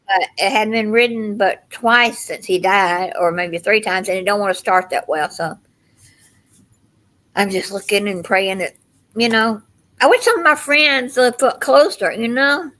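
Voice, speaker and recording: An older woman with a Southern US accent hosts a casual livestream. She talks in a folksy, meandering way, wandering from one story into the next. Her voice sits at an average pitch for a woman. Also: measured pace, fairly bright tone, rough recording. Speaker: livestream host. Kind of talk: casual rambling chat to livestream viewers.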